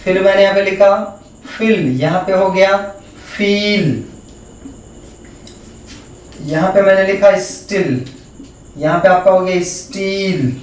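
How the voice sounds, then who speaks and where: A man teaching a phonetics lesson in a Hindi accent, slowly repeating words and sounds one by one as he transcribes them. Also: sits high, steady tone, a little mellow, slight background noise. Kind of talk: phonetics lesson for exam students. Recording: echoey room, voice from far off the mic.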